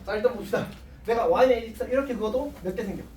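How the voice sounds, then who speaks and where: Chatty math teacher in an echoey classroom. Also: male voice, sits high, quick pace, a little mellow. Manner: chatty, self-mocking, asks the class constant check questions. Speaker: high school math teacher. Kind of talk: casual classroom lecture. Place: classroom with students. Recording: echoey classroom, distant mic, faint hiss.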